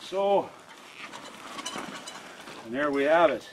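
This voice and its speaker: A man's voice: on the high side, expressive, extremely slow, slight background noise. A man giving a plain, step-by-step how-to demonstration, narrating each task as he works on a cart in a workshop. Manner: plain, step-by-step, narrating his own actions. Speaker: cart builder demonstrating an install.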